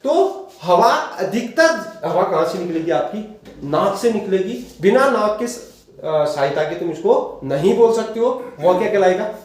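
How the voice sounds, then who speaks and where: A man's voice: high voice, big pitch swings, a little slow. A male teacher giving a classroom grammar lesson, quizzing his listeners and drawing words out syllable by syllable. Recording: very echoey room, mic far off.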